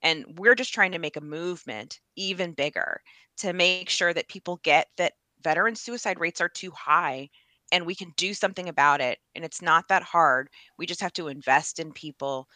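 A woman's voice: lowish voice, normal speed, pushed and bright, no room sound. A woman guest in an interview, speaking in an earnest, emphatic and upbeat way. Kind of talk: casual interview.

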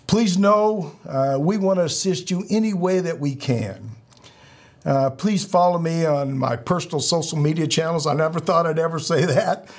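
This is a husky-voiced, middle-aged podcast host who served in the military, closing out an episode by earnestly exhorting his audience. He speaks haltingly, his pitch slightly on the high side.

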